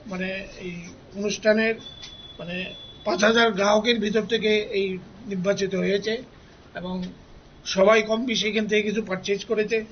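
Older man, 60s, high voice, halting formal remarks, faintly noisy indoor recording. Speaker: guest dignitary giving remarks. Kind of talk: unscripted formal remarks to press. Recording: dull, noisy showroom location sound.

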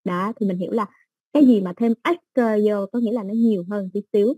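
A woman teaching an English exam-prep lesson, explaining slowly with everyday examples and many fillers. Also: medium pitch, dark tone, husky, no echo, low-quality recording.

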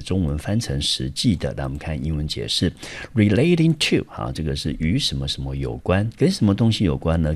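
Very deep-voiced male English teacher. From Taiwan. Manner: patient, explains step by step with fillers like 好 and 呢. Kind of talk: vocabulary lesson.

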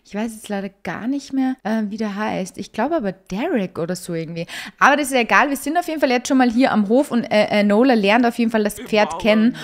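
A young woman giving bubbly, gushing let's play commentary, dropping to quiet asides. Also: on the high side, fast. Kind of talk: casual game commentary.

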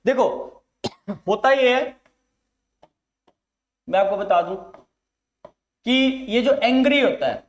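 A man teaching a live online exam-prep class, coaxing his students and calling them "beta", drawing English phrases out slowly. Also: very high-pitched, animated, reverberant.

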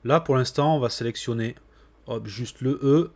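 A man's voice: mid-range voice, normal speed. A man hosting a computer tutorial, casually talking viewers through a screen recording step by step, with frequent little fillers as he clicks. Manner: relaxed, chatty, with frequent "hop" and "voilà".

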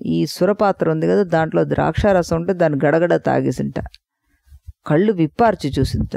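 A woman's voice: low voice, gravelly, warm tone, no room sound. A woman narrating a mythology audiobook, explaining old words in plain speech as she goes. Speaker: storyteller.

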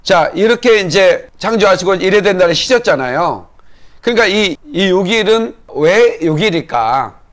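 A male pastor delivering a teaching sermon in a notably high voice for a man. He lays out his points one at a time, pauses to ask the congregation whether they follow, and invites them to answer amen. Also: expressive, a bit bright. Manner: asks the congregation questions and calls for amens; explains slowly step by step. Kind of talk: sermon-style Bible lesson.

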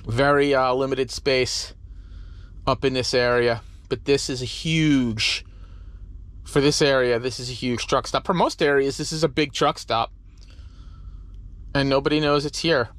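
A man's voice: medium pitch, fairly even intonation, unhurried, pauses often, fairly bright tone. Easygoing trucker man vlogging at arm's length. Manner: rambling, easygoing, talks with many fillers. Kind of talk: casual vlog talk to camera. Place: outdoors at a truck stop lot, later inside a truck cab. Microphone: handheld camera at arm's length.

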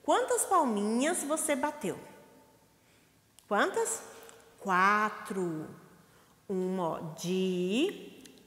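Slow, lively woman teaching small children. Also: medium pitch. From Brazil. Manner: slow, sing-song teacher talk, asks questions and sounds out syllables. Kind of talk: lesson for young children. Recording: echoey room with long reverb.

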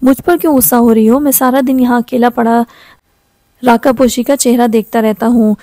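A sleepy young man at base camp talks over the radio in an offhand, unbothered way. The voice stays fairly high and flat, with a dark tone. It is close and dry, an audio-novel figure read by a woman. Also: fairly quick, dry recording, lightly acted. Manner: drowsy, offhand.

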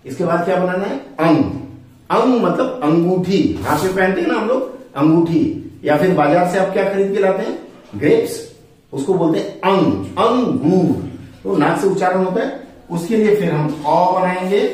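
A man's voice: high-pitched, a little mellow. A man teaching Hindi letters step by step, patiently repeating himself and asking his learners questions as he draws each letter. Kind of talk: step-by-step script lesson at a board. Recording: echoey room, mic far off.

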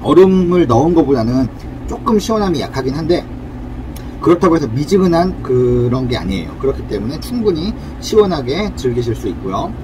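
A man's voice: a little high, very animated, a little fast, background noise. A man demonstrating a cafe drink recipe at a counter, explaining each step in a friendly, polite way. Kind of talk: casual cooking demonstration.

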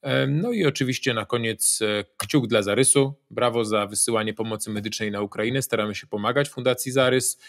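A male host running an interview show with courteous, formal phrasing. He reads out questions to his guest and addresses the audience respectfully in his closing remarks. His voice is at an ordinary male pitch. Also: fairly quick, hardly any pauses. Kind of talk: interview hosting and channel sign-off.

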